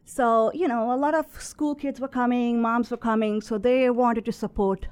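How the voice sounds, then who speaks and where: A woman's voice: fairly high pitch, fairly even intonation, normal speed, darkish tone, smooth. A woman from Sri Lanka in her thirties, talking about her craft business as a guest, with many fillers and small laughs. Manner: chatty, many fillers, laughs between phrases. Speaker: guest, resin artist and small business owner. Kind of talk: casual interview conversation.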